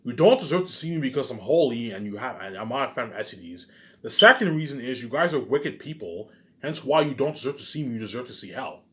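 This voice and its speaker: Talking fast in a pushed, bright, medium-pitched voice, this vlogger is very animated. He addresses viewers in an emphatic, repetitive ramble that's profane and accusatory, dotted with muttered tag words.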